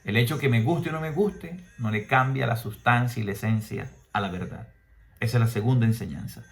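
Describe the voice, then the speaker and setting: Male priest, homily delivery, emphatic, medium-pitched voice, rhetorical questions. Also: fairly quick, gravelly. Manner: mimics people in higher voices.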